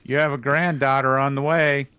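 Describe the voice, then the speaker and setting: A man voicing a flustered adult son in a comedic fanfiction reading, with hurried, matter-of-fact lines. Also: mid-range voice, level tone, sharp tone, clean tone, natural voice.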